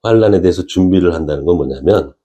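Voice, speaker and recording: Mellow-voiced man giving a chatty lecture. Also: sits low, lively intonation, quick pace. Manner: keeps checking in with listeners, chuckles often. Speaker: spiritual lecturer. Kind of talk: casual spoken lecture.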